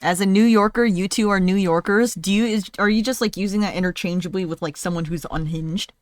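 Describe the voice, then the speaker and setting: A woman's voice: mid-range voice, a little fast, no echo, studio quality. A young woman chatting casually with friends on a live stream, playful and teasing.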